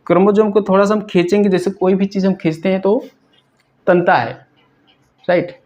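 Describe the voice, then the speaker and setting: A man's voice: sits high, steady tone, normal speed, darkish tone. A man teaching a science lesson who asks questions, answers them himself and keeps checking "right?".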